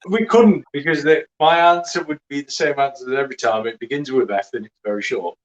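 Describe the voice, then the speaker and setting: A man's voice: medium pitch, fairly quick, muffled recording. A man with a Northern English accent co-hosting a casual podcast, making dry, blunt quips. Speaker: podcast co-host. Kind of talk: casual chat.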